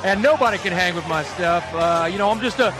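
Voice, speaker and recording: A man's voice: high voice, brisk, music in the background, crowd noise, pitched above the performer's own voice, close to an everyday voice. A man putting on a brash, boastful American hotshot. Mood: cocky. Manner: boastful, shouting bravado. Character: brash cocky American race-car-driver type man, swaggering.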